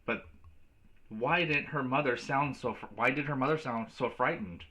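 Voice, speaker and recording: A man reading a children's storybook aloud as a teacher, in a clear storytelling delivery. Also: mid-range voice, normal speed, sharp tone.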